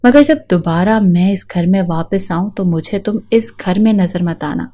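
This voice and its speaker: A woman's voice: mid-range voice, mellow, natural voice. A woman voicing a cold, contemptuous young husband who gives scornful orders. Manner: scornful, commanding.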